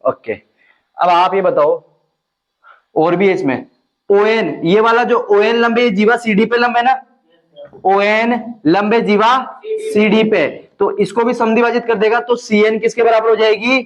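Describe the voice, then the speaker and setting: A man's voice: high-pitched, steady tone, normal speed. A man teaching a maths class, mixing the lesson with teasing jokes to his students. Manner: joking asides to students, teasing banter. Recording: dull lo-fi classroom recording.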